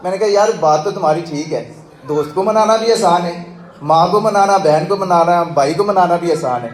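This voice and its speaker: A man's voice: high voice, echoey room. A man giving a sermon, telling a moving story and acting out the quoted speech before drawing its lesson. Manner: tells a moving story with voiced quotes, then preaches. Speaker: religious speaker.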